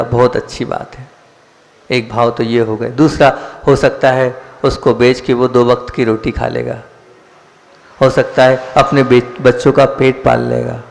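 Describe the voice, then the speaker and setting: Gravelly Jain monk preaching in a hall. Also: male voice, mid-range voice. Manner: earnest, repeats key lines, asks listeners rhetorical questions. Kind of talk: sermon. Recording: long hall reverb.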